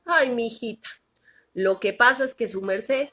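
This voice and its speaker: A woman voicing a gentle old grandfather who soothes a crying child tenderly. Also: a little high, unhurried. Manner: tender, coaxing.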